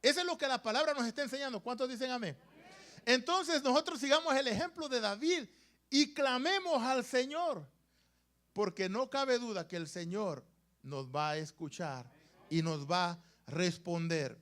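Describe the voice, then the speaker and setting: A man's voice: very high-pitched, normal speed, fairly bright tone. A man preaching to his congregation in a church, with sudden rises and drops in emphasis and frequent asides to the brothers and sisters. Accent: Latin American Spanish. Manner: rising and falling emphasis, calls the congregation "hermanos". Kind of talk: sermon. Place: church sanctuary.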